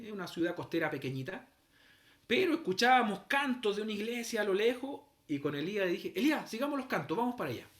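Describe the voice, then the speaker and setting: A man's voice: sits high, a bit bright, echoey room. A middle-aged man, telling a story in a sermon, acting out voices and sounds as he goes. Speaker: preacher.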